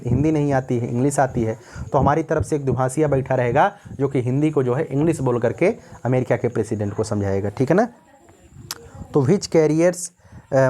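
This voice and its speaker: A male teacher with an Indian accent gives a recorded exam-prep lecture, explaining in Hindi, reading English notes slowly and often checking "ठीक है ना". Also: on the high side, darkish tone. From North India.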